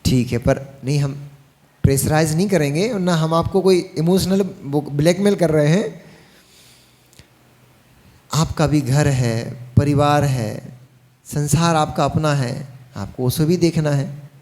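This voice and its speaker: A man's voice: a little high, slow pace, pauses often, a little mellow. A man gives a Jain monk's sermon in a folksy style, speaking straight to his audience with teasing asides. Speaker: Jain monk preacher.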